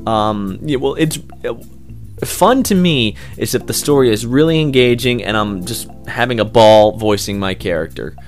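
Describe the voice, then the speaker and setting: A man with a loud, mid-range voice talks at a normal pace, giving casual, rambling, unscripted interview answers about his work as an amateur voice actor. He's informal and clearly keen on it, with music playing behind him.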